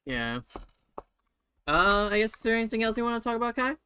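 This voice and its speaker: A man hosting a casual live-stream interview, relaxed and blunt with some joking. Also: high voice, fairly quick, clean tone, dry recording, clean studio sound. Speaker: host.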